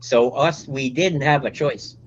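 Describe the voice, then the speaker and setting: A man from the border of Quebec and Ontario, chatting casually on a podcast, slow and hesitant with many halting restarts. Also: medium pitch, crowd noise. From Canada, Quebec-Ontario border. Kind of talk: casual chat. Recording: dull lo-fi remote audio.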